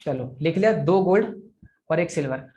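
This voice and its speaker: A man's voice: fairly high pitch, normal speed, warm tone. Male sales mentor, live online class, coaching tone, works through sums aloud over a video call. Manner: coaching, repeats figures aloud, asks "ठीक है?". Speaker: affiliate marketing sales trainer. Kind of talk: live online training session.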